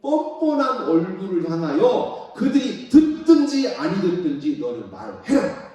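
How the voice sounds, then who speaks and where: Lively pastor preaching in an echoing church. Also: male voice, high voice. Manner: reads scripture loudly and slowly, then acts out God's voice in soft, intimate speech; has the congregation repeat phrases after him. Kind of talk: sermon. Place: large church hall. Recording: echoey church hall, distant mic.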